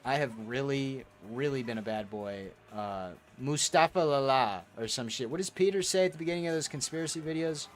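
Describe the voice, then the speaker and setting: A man's voice: mid-range voice, a little fast, hardly any pauses. A young man streaming a kart racing game, reading chat aloud and answering in crude, profane banter. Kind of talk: casual gaming stream chat.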